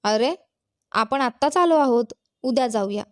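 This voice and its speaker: A woman's voice: fairly high pitch, expressive, unhurried, dry recording, clean studio sound. A woman voicing a good-natured young man who jokes with his friends, in a storybook reading. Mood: easygoing.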